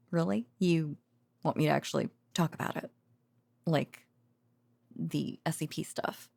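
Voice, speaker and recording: A voice actor gives an exaggerated performance as an affectionate, rambling, excitable researcher girlfriend soothing her boyfriend to sleep in an intimate ASMR roleplay. Her low voice is unhurried, breathy, and soft, often close to a whisper, with a teasing, skeptical mood. Hesitant and chatty, she sighs and giggles, recorded dry and close to the microphone.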